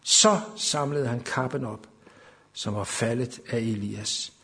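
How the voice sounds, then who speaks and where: Man preaching and reading scripture. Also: vocal fry. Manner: rises to loud, high emphatic reading in dramatic passages.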